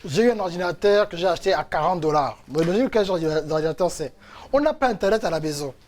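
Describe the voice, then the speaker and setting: A man's voice: high voice, quick pace, slight background noise. A man from France, a coach giving a motivational faith testimony and acting out the people in his stories. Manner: animated storytelling, acts out quotes. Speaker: coach and speaker.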